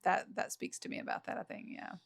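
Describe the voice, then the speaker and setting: A woman with a Southern accent, a podcast guest, talking in a reflective, hesitant way with many fillers. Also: quick pace. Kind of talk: casual conversation.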